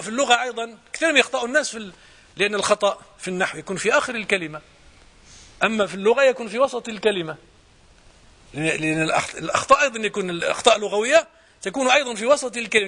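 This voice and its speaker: A man with a Moroccan accent teaching a Quran exegesis lesson, explaining point by point, repeating phrases and slowing into measured recitation when quoting verses. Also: sits high, sharp tone.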